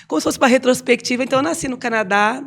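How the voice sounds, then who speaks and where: A woman's voice: sits high, racing, a bit bright. A Brazilian woman in her forties, a guest on an interview show, talking casually and rambling with many fillers.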